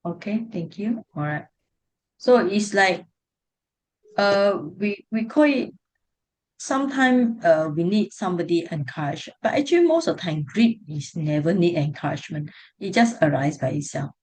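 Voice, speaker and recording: A woman teaching a class over a video call in a slightly low voice. She speaks Singlish, with a Singaporean or Malaysian accent and colloquial phrasing, explaining things and checking in with her students. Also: lively intonation, normal speed, darkish tone, rough recording. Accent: Singaporean or Malaysian English. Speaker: teacher leading an online Buddhist class.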